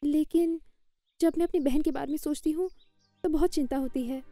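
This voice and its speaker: An actress in a dubbed film playing a gentle, tentative young woman who worries for her sister. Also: high-pitched, steady tone, moderate pace, dry recording, faint music behind. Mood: worried tenderness. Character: soft-spoken young woman, anxious caring sister.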